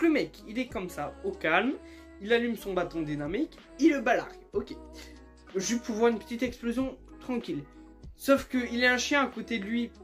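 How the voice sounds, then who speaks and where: A young man retelling absurd stories in a casual, joking, slangy way, laughing often and breaking into loud squeals of outrage. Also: high-pitched. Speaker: YouTuber. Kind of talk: casual comedic storytelling and reading aloud.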